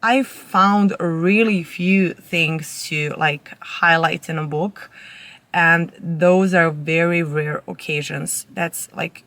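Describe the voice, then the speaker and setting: A young native Serbian speaker with a Serbian accent vlogs casually to camera, rambling informally and correcting herself. Her lowish voice is steady and slightly bright, her pace slow, and the recording is dry.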